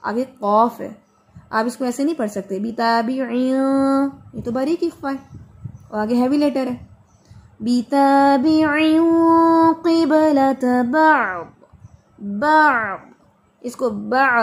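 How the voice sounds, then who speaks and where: Woman recitation teacher on an online call, higher voice, unhurried, patient and corrective.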